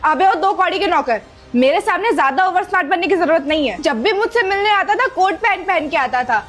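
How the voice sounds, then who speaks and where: A woman's voice: very high-pitched, animated, a little fast, a bit bright, soft background music. A woman playing an arrogant young woman who insults and scolds a poor servant with contempt. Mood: scornful. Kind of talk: scripted skit acting.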